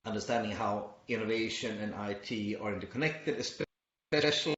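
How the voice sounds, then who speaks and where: A middle-aged Swedish man gives an online conference presentation, hesitating often with many fillers and restarts. His voice is fairly low and a bit bright, at a normal speed. The audio is muffled and lo-fi, recorded in an echoey room.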